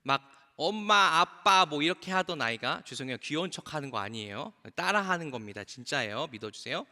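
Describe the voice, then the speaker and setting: A male pastor preaching a sermon. He asks the congregation questions and drops to a soft, low voice to land his key points. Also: lively intonation, fast. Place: church sanctuary. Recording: long church hall reverb.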